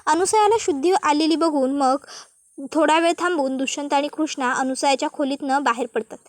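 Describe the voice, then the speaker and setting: A woman's voice: sits high, fairly quick, no room sound. A woman narrating a recap of a TV serial episode, retelling it steadily with many linking phrases. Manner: steady retelling with frequent connectives. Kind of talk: scripted story recap narration.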